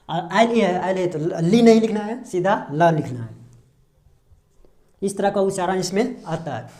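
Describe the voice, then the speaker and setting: A man teaching English pronunciation, explaining a lesson slowly with frequent hesitations and repetition. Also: high voice, a little mellow. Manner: hesitant, many drawn-out filler sounds, repeats himself.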